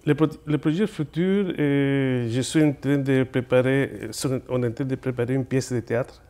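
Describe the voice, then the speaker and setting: A man's voice: medium pitch, steady tone, normal speed, warm tone. A man speaking as a poet guest in an interview, hesitant, with frequent fillers and restarts. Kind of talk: casual interview conversation.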